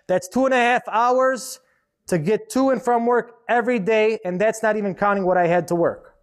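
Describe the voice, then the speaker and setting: A man with a notably high voice speaks at a business seminar, direct and emphatic. He is a middle-aged restaurant owner sharing hard lessons in a casual, conversational way. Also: moderate pace. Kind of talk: live seminar talk. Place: conference hall.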